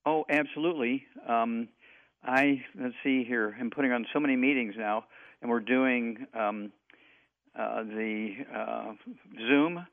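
An eighty-year-old man with a mid-range voice and some vocal fry appears as a guest health expert on a call-in radio talk show. Over a tinny phone line with no room sound, he rambles and halts, using many fillers.

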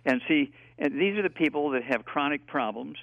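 A man's voice: fairly high pitch, lively intonation, creaky, no room sound. Eighty-year-old man on a phone line. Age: 80s. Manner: rambling, halting with many fillers. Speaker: guest health expert. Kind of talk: radio call-in health talk.

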